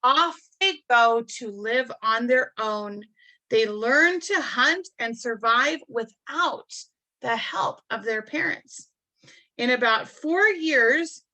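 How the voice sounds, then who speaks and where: A woman reading a picture book aloud to children, marveling in a gentle, teacherly way and adding chatty asides to explain things. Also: fairly high pitch, rough recording. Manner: adds chatty explanatory asides between passages.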